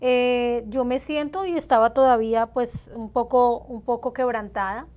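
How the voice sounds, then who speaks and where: A woman, a pastor, sharing her personal testimony in conversation, heartfelt and unhurried. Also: fairly high pitch, steady tone, darkish tone.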